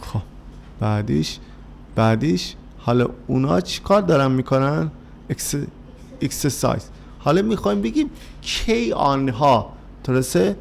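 A man teaching an English workbook lesson to children, speaking Persian with a Persian accent and drilling words and letters slowly, one by one. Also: mid-range voice, expressive, vocal fry, a little hiss or hum.

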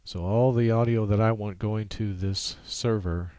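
A man with a low, warm, steady voice walks through a screen-capture tutorial for software, explaining steps off the cuff in a relaxed, halting way. His USB microphone yields a dry sound with no room and no echo.

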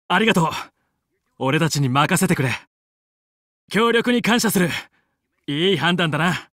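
A man's voice: high-pitched, sharp tone, no room sound, clean studio sound, full character voice. A male actor playing a confident, heroic young fox who leads a team of space pilots in a video game, with cool, resolute, clipped delivery. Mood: confident, assured. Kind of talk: Japanese video game battle voice lines.

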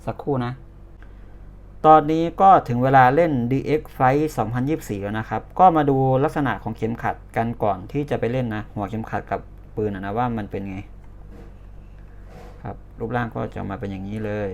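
A man's voice: medium pitch, fairly quick. A Thai-accented man talking casually as he demos and reviews a toy, pointing things out as he goes. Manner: chatty, hands-on, pointing things out.

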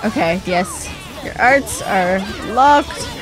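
A woman's voice: medium pitch, expressive, slow, poor audio. A young woman giving casual, sarcastic playthrough commentary on a video game in a playful way. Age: young adult. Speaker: gaming streamer. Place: small room indoors with shelves. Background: game music.

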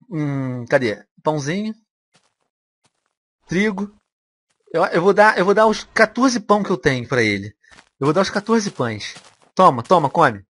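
A young man with a Brazilian accent commentating a game he is playing, animated and quick to squeal and laugh. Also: high-pitched, breathy edge. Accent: Brazilian Portuguese. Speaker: gaming video host.

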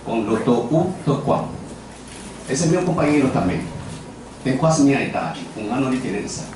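Speaking Portuguese with a Japanese accent, the older lecturer sounds animated, his medium-pitched voice moving at a moderate pace. He jokes about himself through anecdotes in a casual acupuncture talk, using a handheld mic before an audience in a big lecture hall. The recording is echoey and noisy, taken by a far-off camera.

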